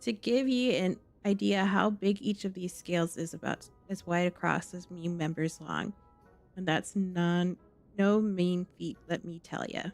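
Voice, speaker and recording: A woman voicing a boastful, cowardly male sailor with a rough pirate-like drawl, reading game dialogue aloud. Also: on the low side, measured pace, faint music behind. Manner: bragging, then babbling in panic.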